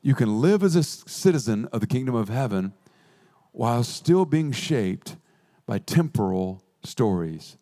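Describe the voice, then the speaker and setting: Preaching as a pastor, a man with a mellow, mid-range voice is very animated. His sermon mixes earnestness with playful asides, and he slows down to emphasize key phrases.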